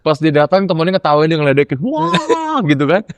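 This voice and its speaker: A man, telling stories from his lecturing with animated energy and acted-out quotes. His voice sits a touch high and sounds smooth and clean, recorded dry and close. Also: quick pace, no echo. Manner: animated, acts out quotes with rising pitch. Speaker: lecturer and podcast guest. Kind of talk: casual storytelling chat.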